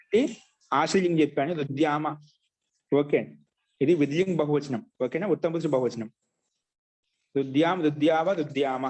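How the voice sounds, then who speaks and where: A man teaching Sanskrit grammar in an online class, repeating each phrase slowly so students can write it down. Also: on the high side, darkish tone.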